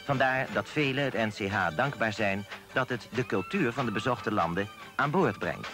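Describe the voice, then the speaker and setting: Male narrator, lowish voice, formal scripted read over prominent music. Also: animated. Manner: measured, formal. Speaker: documentary narrator. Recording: voice-over with loud music behind.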